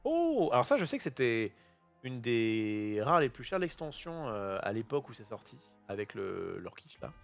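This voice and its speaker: Lively, chatty man opening card packs. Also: lowish voice, moderate pace, gravelly, faint music behind. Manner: chatty and excitable, with casual slang and swearing; self-interrupting, thinking aloud. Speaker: host opening trading card boosters. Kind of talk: casual unboxing commentary. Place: home kitchen.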